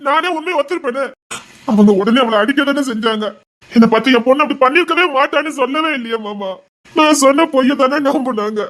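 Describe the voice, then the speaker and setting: A man's voice: extremely high pitch, fairly bright tone. A man doing a sobbing, guilt-ridden young man. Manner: pleading, choked, sobbing.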